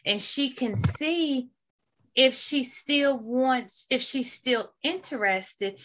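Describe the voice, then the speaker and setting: A woman co-hosting a casual chat about a reality dating show, opinionated and animated, acting out what people said. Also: high-pitched, slow, a little hiss or hum. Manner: animated, opinionated, acts out quotes.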